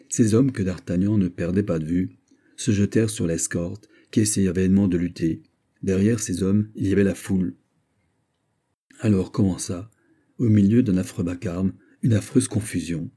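A man narrating a classic novel as an audiobook in a steady, measured reading. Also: fairly low pitch, breathy edge.

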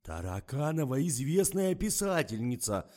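A man's voice: mid-range voice, very animated, normal speed, a little mellow, pitched above the performer's own voice, close to an everyday voice. A man voicing a flustered, pushy male publicist in an audiobook, talking in an agitated, demanding way.

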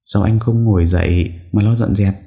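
A man's voice: lowish voice, fairly even intonation, normal speed, creaky, mellow, pitched above the performer's own voice. A man voicing a young female hotel worker who scolds impatiently. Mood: scolding. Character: young woman hotel worker, sharp-tongued.

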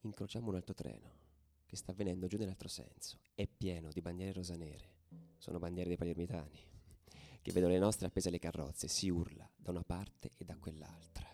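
An actor narrates a monologue as a combative football ultra, angrily reliving street fights in a radio play with colloquial drama and a tense, remembering mood. The voice is low-pitched with vocal fry, a little fast, and fairly even in intonation, though the delivery swings from hushed to shouting.

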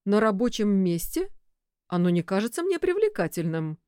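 A woman voicing a brusque, rough-spoken male commercial director in an audiobook, with a lively, expressive delivery. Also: medium pitch, moderate pace, no echo, clean studio sound, natural voice. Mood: indignant. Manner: indignant, rough.

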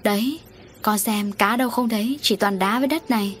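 A woman voicing a middle-aged mother who is shrill and panicking, her voice high and shrieking. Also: fairly quick, a little hiss or hum, lightly acted. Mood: alarmed.

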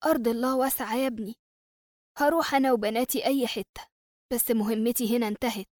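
A woman voicing a calm old father with an Egyptian accent in an audiobook. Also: a little high, fast talker, no room sound, clean studio sound, natural voice. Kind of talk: audiobook character reading.

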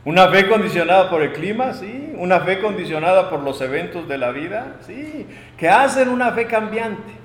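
High-voiced preacher in an echoey hall. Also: male voice, animated, moderate pace, few pauses. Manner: emphatic, swings between loud proclamations and low asides. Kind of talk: sermon.

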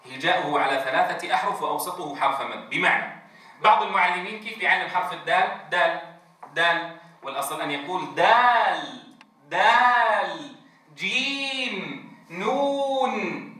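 A man lecturing trainee Quran teachers elongates letter sounds to demonstrate them and repeatedly checks in with the class. His voice is high-pitched, bright and pushed, recorded on a distant mic in a very echoey room.

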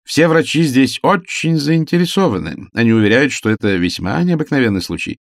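A man's voice: mid-range voice, very animated, fairly quick, dry recording, clean studio sound, voice pushed up. A man voicing a pompous young male invalid who speaks in a stiff, formal manner. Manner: formal, stilted, condescending.

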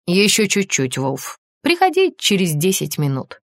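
A woman reading an audiobook voices a brisk, wry female chief inspector giving orders. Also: fairly low pitch, huge pitch swings, dry recording, pitched above the performer's own voice, heavily acted.

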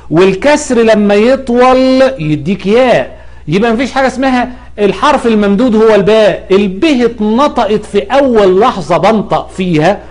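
A man with an Egyptian accent teaching an Arabic grammar lesson, explaining patiently and drawing out sounds to demonstrate pronunciation. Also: high-pitched. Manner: corrective, emphatic about common mistakes.

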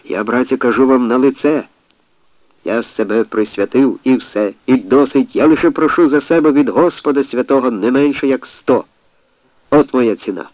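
A man voicing a hot-headed former prisoner who gives a shrill, squeaky, impassioned speech to a crowd. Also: moderate pace, no echo, lo-fi sound, close to an everyday voice. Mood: impassioned shouting. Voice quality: squeaky, mouse-like. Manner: shouting, impassioned.

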